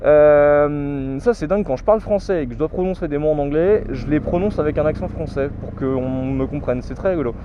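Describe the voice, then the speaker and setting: Young man, vlogger, high-ish voice, exasperated swearing rant; muffled car recording. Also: brisk, few pauses. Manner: ranting, swears a lot, exasperated. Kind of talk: casual chat. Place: in a car in city traffic. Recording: muffled with loud traffic noise.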